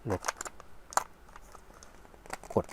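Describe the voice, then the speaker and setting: A man's voice: drawn-out words, a little mellow, a little hiss or hum. A man casually demonstrating a thermometer at home, thinking aloud and narrating each button press as he goes. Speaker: product reviewer. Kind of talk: casual hands-on product demo. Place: at home indoors. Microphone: phone camera.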